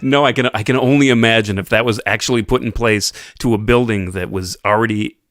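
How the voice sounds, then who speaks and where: A man hosting a podcast interview, speaking haltingly and restarting his words. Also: lowish voice, steady tone, fairly bright tone, no echo, studio quality. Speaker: podcast host. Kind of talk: casual interview conversation.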